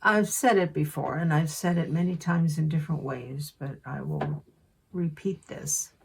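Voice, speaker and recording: A woman channeling a spirit in slow, measured speech, with a husky voice. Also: low voice, far from the mic, a little hiss or hum. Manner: slow, measured, unhurried delivery.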